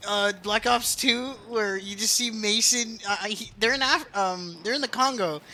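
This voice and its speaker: A woman's voice: fairly high pitch, moderate pace, bright, forceful tone. A woman in a casual online voice chat who laughs, exclaims and swears as she talks. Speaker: gaming chat participant. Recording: noisy voice chat line.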